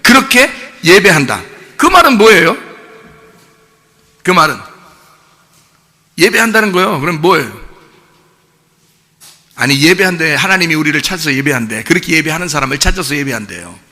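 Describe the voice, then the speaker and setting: A man's voice: on the high side, lively intonation, moderate pace, long pauses, bright, forceful tone. A man preaching a Sunday sermon in a church, asking the congregation questions and acting out the quoted lines. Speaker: pastor. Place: church sanctuary. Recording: church hall reverb.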